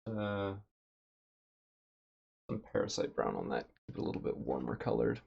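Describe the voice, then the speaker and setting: A man livestreaming as he paints a miniature, thinking aloud in a relaxed way with lots of fillers, his throat a bit dry and rough. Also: fairly low pitch, normal speed, dull audio. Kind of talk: casual livestream chat. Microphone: desk mic with noise gate.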